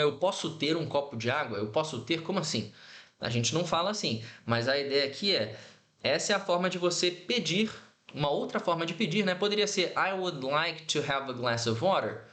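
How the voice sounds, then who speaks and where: Guy teaching english online, repeats phrases slow, voice jumps around a lot. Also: a little high, animated, pushed and bright, roomy sound. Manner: explains patiently, repeats English phrases slowly. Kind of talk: online language lesson.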